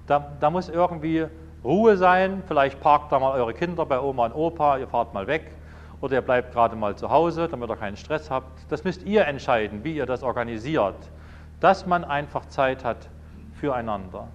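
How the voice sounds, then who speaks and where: A man's voice: mid-range voice, normal speed, lo-fi sound. German man preaching on marriage. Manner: anecdotal, acts out dialogues in varied voices. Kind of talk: sermon.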